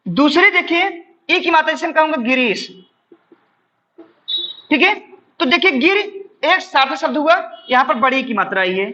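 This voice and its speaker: A man teaching grammar in a bright, sharp voice whose pitch swings widely as he talks. He asks his own questions, answers them himself, and keeps checking in with "ठीक है". The recording sounds dull and lo-fi. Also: lively intonation, moderate pace, long pauses. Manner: addresses viewers as friends, explains step by step. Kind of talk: exam-prep classroom lesson.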